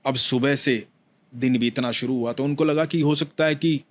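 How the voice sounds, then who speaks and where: A man telling a devotional story, animated, sinking low and quiet in sad moments. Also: normal speed.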